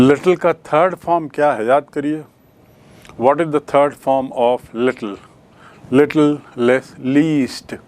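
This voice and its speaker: A man with an Indian English accent teaching a grammar lesson, asking questions and answering them himself. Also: on the high side. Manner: explains slowly, asks and answers his own questions.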